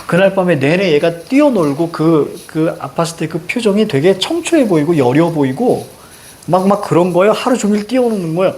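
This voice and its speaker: A middle-aged man teaching a class, telling a personal story in a lively, casual way and mixing informal and polite speech. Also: high-pitched, moderate pace. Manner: animated, switching between casual banmal and polite endings.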